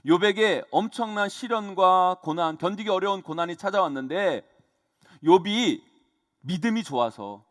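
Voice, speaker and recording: High, lively-voiced male pastor preaching. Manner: emphatic, swings between loud exclamations and soft confiding asides; frequently addresses the congregation directly. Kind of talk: sermon.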